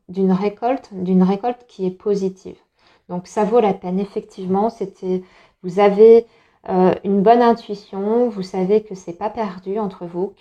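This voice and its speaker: Woman, tarot reader, talks to viewers in a loose, reassuring ramble, mid pitch. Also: mellow. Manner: chatty, many fillers and restarts, reassuring. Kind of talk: casual tarot reading for viewers.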